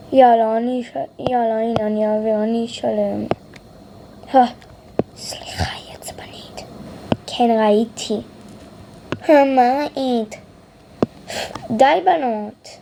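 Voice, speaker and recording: A woman playing a cashier in a playful comedy skit, bossy and quick. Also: high voice. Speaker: video creator. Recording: noisy background hiss.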